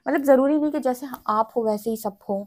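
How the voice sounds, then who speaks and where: A woman giving a spiritual tarot reading to camera, explaining gently and often checking in with "theek hai". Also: a little high, fast talker. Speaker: tarot reader.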